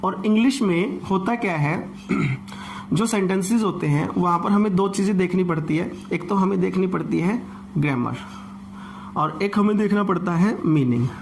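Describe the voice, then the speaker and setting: A man's voice: sits high, moderate pace, vocal fry, slight background noise. A man teaching an English grammar class, explaining patiently and repeating points, often asking rhetorical questions.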